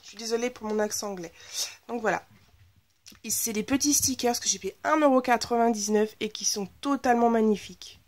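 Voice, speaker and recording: A scrapbooking vlogger speaks fairly quickly in a fairly high, slightly mellow voice that sounds a touch nasal and stuffed up. Chatty and excited, she gushes over her purchases in a casual craft-supply haul video.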